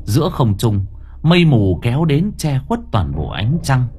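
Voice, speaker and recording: A man narrating an audio story in a lively, dramatic way. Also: mid-range voice, unhurried, slight background noise.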